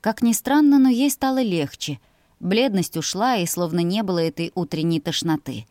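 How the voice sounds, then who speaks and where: A woman reading a first-person fantasy audiobook in a lively, expressive way. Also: fairly low pitch, moderate pace, dry recording, clean studio sound. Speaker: audiobook narrator. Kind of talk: scripted first-person narration.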